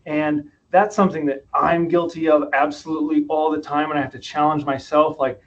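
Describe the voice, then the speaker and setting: A man's voice: fairly high pitch, little pitch movement, fairly quick, dull audio. A man who is a podcast guest, telling stories in a conversational, reflective way and asking himself questions aloud. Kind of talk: conversational storytelling.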